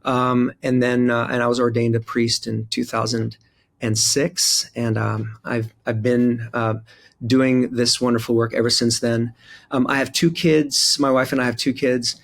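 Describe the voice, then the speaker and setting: Gravelly-voiced priest talking thoughtfully. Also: male voice, mid-range voice, little pitch movement, a little slow. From Israel/Palestine. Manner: thoughtful, hesitant with many fillers. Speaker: Episcopal priest, guest. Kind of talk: interview conversation.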